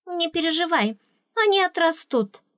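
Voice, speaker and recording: A woman voicing a tiny, cheeky and grumpy female tooth fairy in an audiobook, with a shrill, squeaky, snappish voice. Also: expressive, moderate pace, a bit bright, no echo, studio quality. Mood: sheepish. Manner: bratty, snappish. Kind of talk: audiobook character voice.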